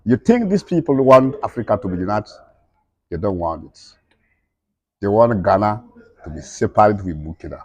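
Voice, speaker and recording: A man's voice: on the low side, big pitch swings, moderate pace, pauses often, darkish tone. A middle-aged man speaking emphatically in broken, non-native English, repeating his points as an interviewee. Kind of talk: impassioned conversational speech.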